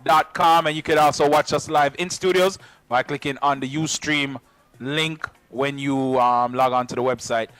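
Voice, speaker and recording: A man hosting a morning radio talk show from a studio, talking in a relaxed, easygoing way. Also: mid-range voice, moderate pace, smooth, no echo. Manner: relaxed, easygoing, repeats numbers. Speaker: radio host.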